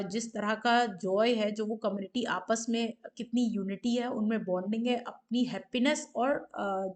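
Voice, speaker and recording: A woman teacher delivers an exam-prep lecture in a clear, somewhat high voice. She speaks patiently and explains step by step. She keeps asking the listener questions and checking with "ठीक है". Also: a little mellow.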